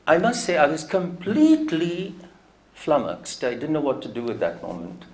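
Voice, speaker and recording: A man's voice: medium pitch, very animated, a little fast, creaky. A man giving a public lecture, telling a story in a reflective, anecdotal way and quoting others in his own voice.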